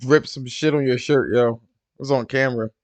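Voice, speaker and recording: A young man co-hosting a casual podcast chat, telling animated stories and acting out voices. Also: medium pitch, normal speed, no room sound, dull audio. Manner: animated storyteller, acts out voices. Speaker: podcast co-host.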